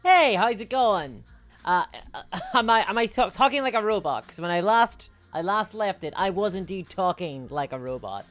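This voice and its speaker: A woman's voice: medium pitch, lively intonation, normal speed, faint music behind. A woman streaming live, chatting casually and answering viewer comments in a rambling, self-mocking way.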